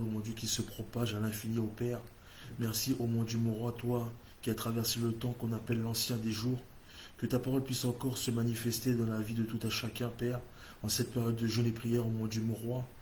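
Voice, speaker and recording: A man's voice: medium pitch, a little mellow, a little hiss or hum. A man with an English-speaking accent hosting a church livestream, leading a fervent, repetitive prayer in French. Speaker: church host.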